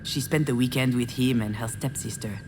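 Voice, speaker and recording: A bass-voiced actress speaks briskly in introspective first-person video game narration, playing a troubled woman doubting herself. Her tone is confiding and reflective, with game music and a noisy background behind her.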